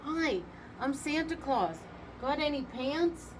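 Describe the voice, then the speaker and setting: A woman's voice: sits high, expressive, slow, noisy background, voice pushed up. A woman voicing an earnest old Santa in a storybook reading, stammering and plaintive. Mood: hopeful. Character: Santa, pleading, flustered, earnest old man.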